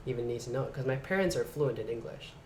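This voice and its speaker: A young man from the Bay Area, a guest in a casual interview chat, talking reflectively and trailing off quietly at the ends of his thoughts. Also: mid-range voice, animated, fast, roomy sound, slight background noise. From San Francisco Bay Area. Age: young adult.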